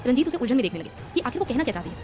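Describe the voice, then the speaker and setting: A woman narrating a scripted audio story in a brisk, even reading. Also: high-pitched. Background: background music.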